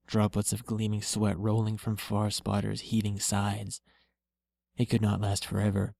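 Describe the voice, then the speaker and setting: A man reading a story aloud in a slow, steady, low-key way. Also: vocal fry, no room sound. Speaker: reader.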